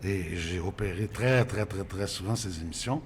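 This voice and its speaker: An older man with a Quebec French accent, a radio guest telling stories of his career in a casual, animated way. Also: low-pitched, moderate pace, a little hiss or hum. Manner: animated storytelling, exclamatory.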